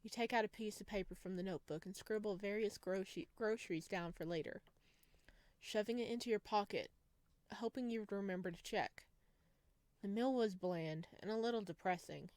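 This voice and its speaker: This video game streamer reads visual novel narration aloud for a let's play, pausing for casual, chatty asides and reactions to the story. Her voice is mid-range with a darkish tone, and she speaks fairly quickly in a dry recording.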